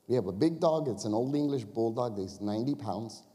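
Pastor from the Chicago area, mellow male voice, chatty confessional sermon style, long church-hall reverb. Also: medium pitch, animated, a little fast. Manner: conversational storytelling with confessions and crowd asides. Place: church sanctuary.

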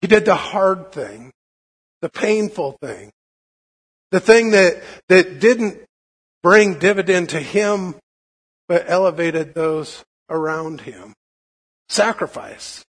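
Gravelly, hoarse male pastor in a reverberant hall. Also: high voice, animated. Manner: halting, repeats words, informal. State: hoarse from being unwell. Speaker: pastor preaching to a congregation. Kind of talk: sermon.

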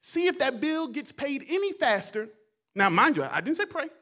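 Guy preaching a sermon, really high voice, gets loud then drops quiet, repeats himself a lot. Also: big pitch swings, normal speed. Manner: preaching, swings between quiet asides and loud emphatic calls; colloquial, repeats words and phrases. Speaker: guest pastor.

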